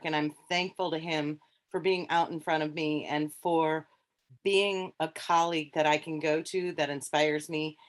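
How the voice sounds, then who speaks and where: A middle-aged woman with an Upper Michigan Yooper accent and elongated vowels, presenting informally on a webinar as a teacher. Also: low voice. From Upper Peninsula of Michigan, United States.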